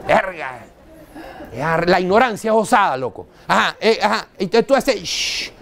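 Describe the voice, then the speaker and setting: Venezuelan man, dental lecturer, animated swings in pitch, blunt slangy talk to a hall. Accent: Venezuelan Spanish. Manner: blunt, slangy, quizzes the audience. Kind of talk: live lecture to an audience.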